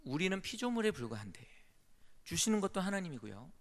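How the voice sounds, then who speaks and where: A male pastor preaching a sermon, swinging between loud pleading outbursts and hushed whispers. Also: high-pitched, big pitch swings, brisk. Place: church sanctuary. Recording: long church reverb.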